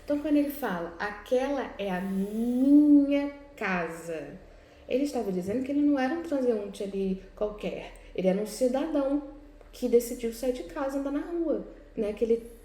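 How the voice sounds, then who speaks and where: This is a recorded class in which a woman teacher with a Brazilian Portuguese accent corrects exercises, explaining each one step by step. Her high, mellow voice moves fast with lively intonation, and she keeps checking in with her students through frequent "né?" and "tá?". Faint background noise carries through the echoey room.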